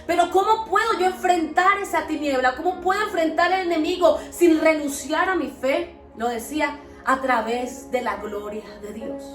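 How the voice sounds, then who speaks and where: A woman's voice: high-pitched, moderate pace, a bit bright. A woman, hosting a podcast and preaching Bible lessons in an earnest, exhorting way full of rhetorical questions. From Colombia. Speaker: podcast host teaching Bible principles. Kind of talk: preaching talk. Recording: echoey, distant mic, faint music behind.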